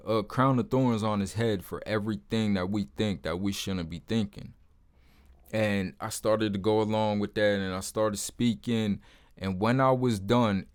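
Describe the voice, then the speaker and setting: This is a casual testimony delivered straight to camera by a man whose voice is deep and low. He talks to his viewers bluntly and informally, often tossing in words like "man."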